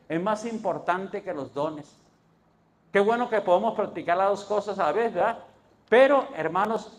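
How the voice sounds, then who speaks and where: A man preaching a sermon as pastor, asking rhetorical questions and answering them, swinging between loud emphasis and low, quiet endings. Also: a little hiss or hum.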